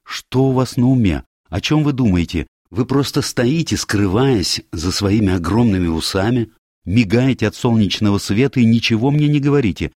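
A man's voice: on the low side, big pitch swings, unhurried, a little mellow, no echo, clean studio sound, voice pushed up. A man voicing a frightened, fiery young woman in an audiobook, urgent and pleading. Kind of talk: audiobook character voice.

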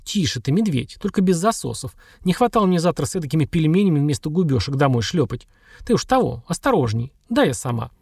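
Guy reading as a tough young street-raised nurse, coarse slang, kinda higher and bouncy. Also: very animated, fast, creaky, darkish tone, slightly rough, no echo, studio quality, exaggerated voice. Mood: weary. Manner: coarse slangy speech, wry chuckles. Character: streetwise young woman nurse, blunt and earthy. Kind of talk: audiobook dialogue.

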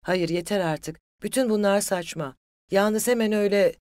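A hot-headed young suitor, proud and quick to take offense, voiced by an audiobook reader who lifts the voice high and loud for him. His lines come raised, agitated and mocking. The sound is close and dry, with no room around it. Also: no echo, lightly acted.

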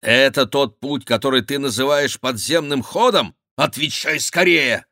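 A man's voice: medium pitch, a little slow, creaky, bright, forceful tone, no echo, clean studio sound, voice pushed up. A man voicing an impatient, demanding thin male jester who questions sharply in an audiobook.

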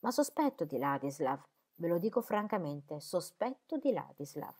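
A woman reading the lines of an impatient, indignant gentleman in an audiobook, in a pressing, earnest way. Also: on the low side, very animated, moderate pace.

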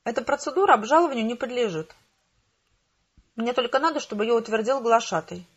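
A man's voice: very high-pitched, expressive, a little fast, husky, muffled recording, heavily acted. A woman reading an audiobook, voicing a smug, hostile male bureaucrat who speaks coldly and with contempt. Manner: contemptuous, cold and accusing.

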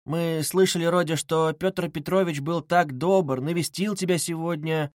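A man's voice: high-pitched, lively intonation, moderate pace, no room sound, studio quality, voice pushed up. A man voicing an anxious middle-aged mother, pleading and timid. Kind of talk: audiobook character reading.

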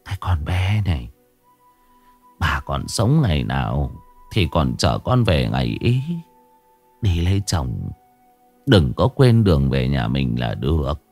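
A man doing a hoarse old grandmother. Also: rumbling low, sing-song, a little slow, faint music behind, pitched below the performer's own voice, exaggerated voice. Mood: soft scolding. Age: over 60. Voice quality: hoarse, husky voice. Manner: soft, pleading, tearful. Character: frail old grandmother, tender and sorrowful.

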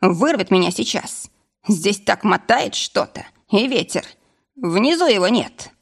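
A woman's voice: mid-range voice, animated, measured pace, gravelly, husky, heavily acted. A woman voicing a tipsy, clumsy young man stuck up a tree, complaining ruefully, in an audiobook.

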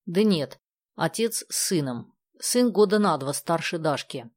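A woman voicing a calm, measured mother with a dry, doubtful tone in a storybook reading. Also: on the low side, dry recording.

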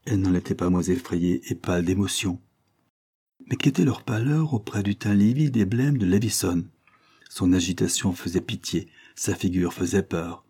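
A man narrating a classic novel as an audiobook, reading in a measured, expressive way. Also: sits low, husky.

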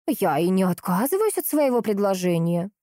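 A woman voicing a sharp-tongued, persistent older woman detective who is by turns sweet and cutting, in an audiobook. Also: mid-range voice, sing-song, moderate pace, no echo, clean studio sound, natural voice. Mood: coaxing.

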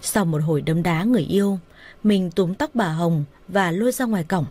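A woman narrating a dramatic story in a steady, even voice. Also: on the low side, normal speed.

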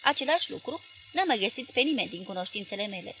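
A woman voicing an indignant middle-aged male newspaper owner who fires off sharp, exasperated questions in a raised, forceful reading voice. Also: medium pitch, expressive, slight background noise.

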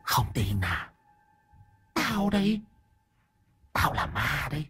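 A man voicing a hushed, menacing ghost in a possessed woman. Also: sits low, huge pitch swings, takes it slowly, soft background music, pitched above the performer's own voice, exaggerated voice. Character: possessed spinster, a cackling ghost speaking through her.

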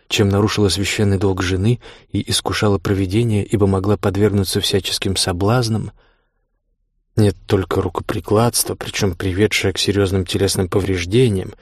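A man narrating a classic novel in the first person as an audiobook, reading in a measured, even way. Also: lowish voice, no echo, studio quality.

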